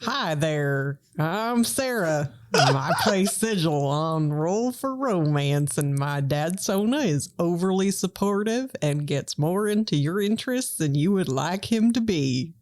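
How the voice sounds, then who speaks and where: A woman's voice: fairly low pitch, expressive, slow pace, few pauses, darkish tone, dry recording. A woman player introducing herself in a cheerful, friendly casual chat.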